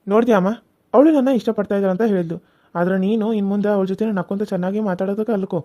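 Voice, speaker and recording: A woman voicing a young village husband who tries to calm his mother and wife in a cartoon serial. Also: medium pitch, very fast, no echo, studio quality, natural voice. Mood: coaxing. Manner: coaxing, reasoning, mildly exasperated.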